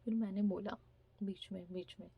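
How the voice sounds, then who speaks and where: Soft-voiced young woman vlogger, husky. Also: medium pitch, normal speed, muffled recording. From India. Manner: chatty, animated retelling with mimicry; speaks softly, half-whispering at times. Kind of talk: casual storytelling vlog.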